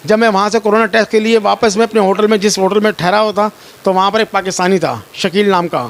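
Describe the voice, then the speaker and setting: Man from Pakistan, high pitched, distressed pleading account, repetitive. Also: steady tone, quick pace. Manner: distressed, repeats himself, pleading. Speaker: complainant telling his story. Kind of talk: personal account to a reporter.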